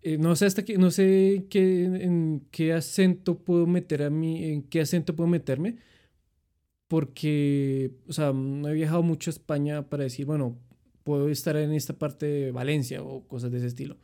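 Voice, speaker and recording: A young man with a Colombian accent, his voice on the high side and smooth, chats at a normal speed. He rambles through travel stories, retelling them in an animated, casual way.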